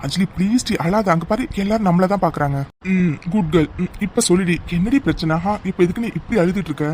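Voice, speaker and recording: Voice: medium pitch, fast talker, a little mellow, a little hiss or hum, lightly acted. A performer voicing a teasing, protective young man. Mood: teasing reassuring. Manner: playful, reassuring, affectionate teasing. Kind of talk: animated cartoon story dialogue.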